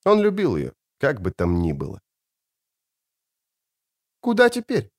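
A man narrating a fantasy audiobook with expressive storytelling. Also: sits low, normal speed.

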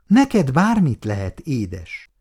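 A man's voice: mid-range voice, wildly swooping pitch, creaky, darkish tone, breathy edge, voice pushed up, full character voice. Man putting on a cooing, flirty office woman. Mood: flirting. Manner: cooing, coquettish.

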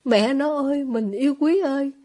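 A woman's voice: high voice, moderate pace, mellow, lightly acted. Woman reading as a grief-crazed old father. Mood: anguished. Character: grief-crazed poor older father, frantic.

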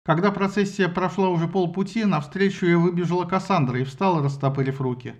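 A man narrating an audiobook with a lively, ironic storytelling manner. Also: high voice, a little fast.

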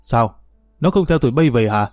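A man voicing a gruff, blunt middle-aged uncle in a read-aloud story, scolding quickly. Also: medium pitch, expressive, a little mellow, no room sound, studio quality, soft background music, natural voice.

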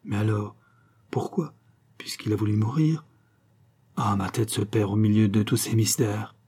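A man reading an audiobook and voicing a fierce, superstitious young woman who speaks in a hushed, intense voice. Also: on the low side, measured pace, slightly rough.

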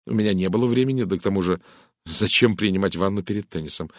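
A man voicing a puzzled young English wife in an audiobook, hesitant and sometimes sharp. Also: low-pitched, fast talker, dry recording, studio quality, lightly acted. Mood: recalling.

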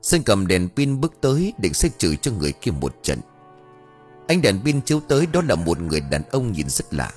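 A man's voice: low voice, sing-song, a little fast, darkish tone, faint music behind. A man reading a horror story aloud as an audiobook narrator, telling it in a dramatic way.

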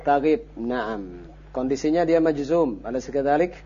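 A man's voice: medium pitch, lively intonation, normal speed, dark tone. Patient male Arabic teacher on air. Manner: patient, corrects callers with short "naam" affirmations. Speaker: Arabic teacher on a call-in program. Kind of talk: live call-in Arabic lesson. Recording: dull broadcast audio with faint hum.

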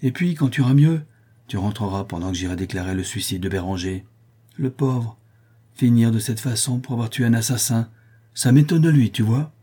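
A man voicing a caring, practical friend who speaks in a reassuring, brisk way in a read-aloud story. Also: mid-range voice, mellow, slightly rough, close to an everyday voice.

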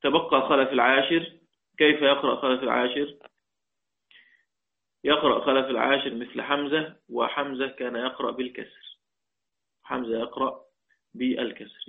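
A man with an Egyptian accent teaching the Quranic readings, drawing out quoted verses slowly and checking in with his listeners. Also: mid-range voice, vocal fry. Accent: Egyptian Arabic. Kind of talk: religious lesson explaining a poem on the readings. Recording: tinny phone-like audio.

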